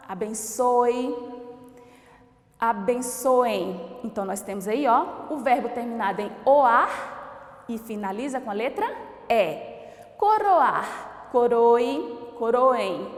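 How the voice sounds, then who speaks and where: Woman, Brazilian teacher, grammar lesson, unhurried, sounds out words, echoey room. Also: a little high. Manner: slow, didactic, sounds out words and asks the class questions.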